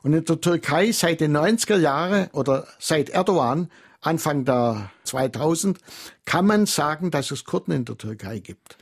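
Gravelly, husky man explaining on radio. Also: a little high, animated, normal speed. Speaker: expert guest on a radio call-in.

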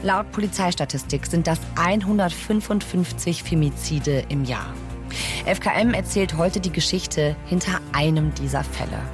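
Low-voiced woman hosting a news podcast. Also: normal speed, music in the background. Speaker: podcast host. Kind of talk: scripted news podcast narration.

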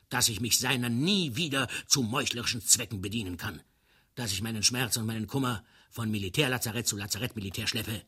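A man's voice: mid-range voice, bright, forceful tone, husky. A man voicing a panicked young soldier who dreads going to war, pleading in a theatrical, long-winded way. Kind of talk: dramatic literary reading.

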